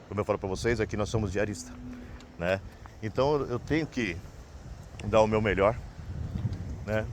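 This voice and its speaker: A man's voice: lowish voice, moderate pace, slight background noise. A man from Brazil with a Brazilian Portuguese accent, telling a personal story in a casual, rambling way and ending sentences with "né?". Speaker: vlogger.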